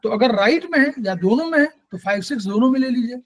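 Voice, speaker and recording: A man's voice: extremely high pitch, expressive, quick pace, poor audio. A man teaching an acupressure class, explaining patiently and repeating key points, mixing English terms into his talk.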